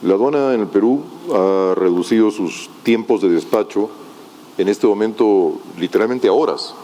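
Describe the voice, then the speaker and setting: A man's voice: fairly low pitch, moderate pace, mellow. A man speaking as a logistics panelist at a conference, earnest and emphatic. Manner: earnest, emphatic, uses diminutives.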